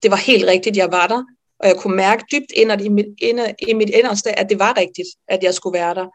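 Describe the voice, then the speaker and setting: A woman midwife telling a personal story in an interview, lively and animated, with frequent fillers. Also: medium pitch. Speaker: midwife guest.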